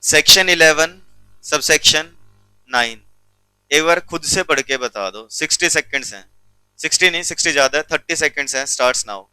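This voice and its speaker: Man, law teacher in a classroom, very bright voice, dry close sound, keeps checking the class. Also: on the high side, lively intonation, moderate pace, clean tone, no echo, rough recording. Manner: keeps asking the class if they follow, stern and teasing.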